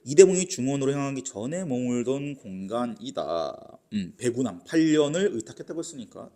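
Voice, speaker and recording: A man's voice: medium pitch, dark tone. A man teaching literature for exams, explaining step by step and often checking with "right?". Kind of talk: exam lecture.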